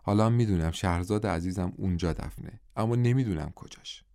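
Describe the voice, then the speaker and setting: A stubborn young village man, earnest and worn down by grief, speaking plainly in a lowish voice, as a male narrator reads him. He sounds loyal and hurt rather than angry. It is an audiobook reading. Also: dark tone. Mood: grieving, earnest.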